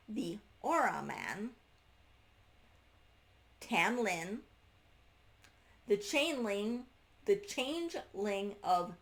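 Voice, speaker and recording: This woman's creaky, mid-range voice carries an unscripted, casual book review delivered to camera. She often breaks off, restarts sentences, and lets her words trail away halfway through.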